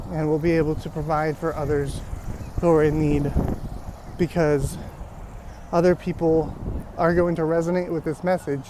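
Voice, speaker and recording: A man speaking earnestly and encouragingly in a halting, motivational walk-and-talk vlog, recorded outdoors. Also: a little high, warm tone, slight background noise. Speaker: vlogger. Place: outdoors, walking in rainy weather.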